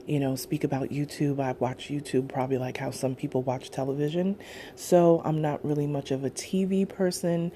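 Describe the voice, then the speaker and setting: A woman hosting her podcast in a soft, quiet voice, slipping into whispers while she eats breakfast. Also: slight background noise. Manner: low, quiet voice that drops into whispers; eating breakfast while talking. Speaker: podcast host. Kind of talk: soft-spoken casual chat.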